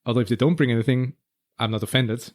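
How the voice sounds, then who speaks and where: A man's voice: medium pitch, steady tone, quick pace, no room sound. Austrian man, German native, co-host, wry and chatty, close dry recording. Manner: wry, laughs often, explains at length. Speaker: podcast co-host. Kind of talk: casual chat.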